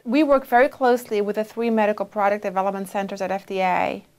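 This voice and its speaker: Interviewed in a dark studio through a lapel mic, this FDA official, a woman in her forties from Brazil, speaks at medium pitch with fairly even intonation. Her answers are measured, broken by frequent pauses and fillers.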